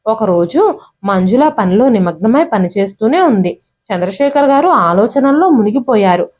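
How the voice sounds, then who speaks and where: A woman narrates a moral storybook tale in a steady, even reading voice. Her pitch sits a little high, and she reads in a scripted narration style. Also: moderate pace.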